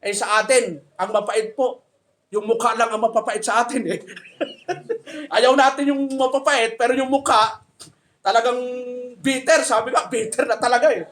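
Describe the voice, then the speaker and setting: High-voiced Filipino man preaching casually. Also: fairly even intonation, normal speed, a bit bright. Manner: jokey, conversational preaching with audience questions. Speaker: pastor. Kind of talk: sermon.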